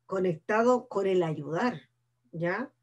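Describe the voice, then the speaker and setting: A woman's voice: medium pitch, lively intonation, slow, breathy edge. A woman, an actress speaking on a panel, explaining at length and often checking in with her listeners. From Chile. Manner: explanatory, peppers speech with "¿ya?" and "te fijas". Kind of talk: conversational panel talk.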